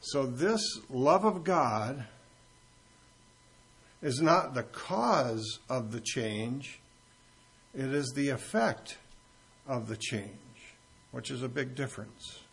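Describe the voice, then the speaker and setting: A man delivering a teaching sermon in a church, his voice gravelly with a husky edge. He speaks conversationally, drops in homely stories and teases members of the congregation. His pitch sits at an ordinary middle height for a man. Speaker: pastor. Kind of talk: expository sermon with anecdotes.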